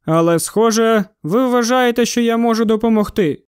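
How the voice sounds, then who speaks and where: This is a dispassionate, unshakable doctor , voiced by a male narrator in a storybook reading. He speaks evenly and composedly, in a high, smooth voice recorded close and dry. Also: normal speed, dry recording. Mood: calm. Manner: level and composed. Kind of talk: audiobook character reading.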